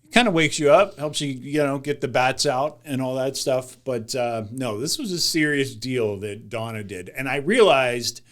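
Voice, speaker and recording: A man's voice: medium pitch, moderate pace, hardly any pauses, a bit bright. A man co-hosting a podcast, rambling in casual chat with lots of fillers. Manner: rambling, self-deprecating. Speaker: podcast co-host.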